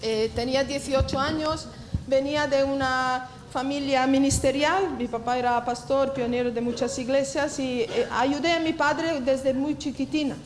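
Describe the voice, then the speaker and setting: A woman from southern Italy in her fifties, speaking with an Italian accent to a church meeting in an unhurried, chatty way, pausing often to find words. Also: sits high, steady tone, a little hiss or hum. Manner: warm, chatty, many hesitations and restarts. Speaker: Bible college director speaking at a church women's meeting. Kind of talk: testimony talk to a church audience. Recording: echoey hall with faint ambience.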